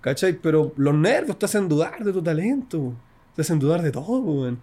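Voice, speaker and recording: Animated young Chilean man, higher voice. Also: normal speed. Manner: slangy, animated storytelling with shouted imitations. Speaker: freestyle rapper guest. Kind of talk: casual interview chat.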